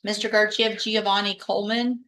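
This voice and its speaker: A woman's voice: mid-range voice, little pitch movement, fairly quick, fairly bright tone. A woman presiding as judge in a courtroom hearing, giving firm, direct instructions.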